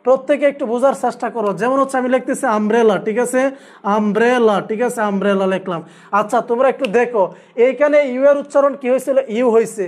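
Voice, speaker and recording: A male teacher with a Bangladeshi accent runs a live online grammar class. He fires off a question, answers it himself, and comes back to the same point again and again. He keeps reminding students to pay attention. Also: extremely high pitch. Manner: repetitive call-and-response questioning; keeps urging students to focus. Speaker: English teacher.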